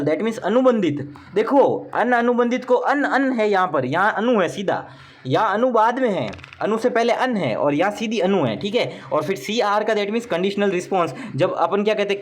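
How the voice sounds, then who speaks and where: A male tutor with a high-pitched voice works through exam questions with his students. He jokes along the way and keeps checking they follow. A faint hiss of noise sits under the recording. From Rajasthan, India. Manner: chatty, joking asides, repeats "theek hai na". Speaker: exam coaching teacher. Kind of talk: recorded exam paper walkthrough.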